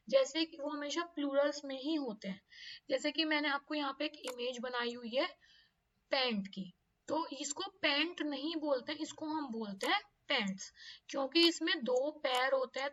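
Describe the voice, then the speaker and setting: A woman explains English grammar to children at an unhurried pace, spelling words out letter by letter. Her voice sits high. The recording is dull and lo-fi, picked up from a little way off the mic. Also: a bit bright. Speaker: teacher. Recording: distant, dull lo-fi audio.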